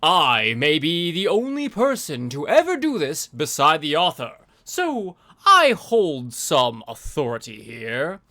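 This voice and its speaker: A streamer with a bright voice and a lively, swinging pitch alternates between reading aloud and casual live commentary. Informal, sweary asides pop up often. The pace is slow, with few pauses.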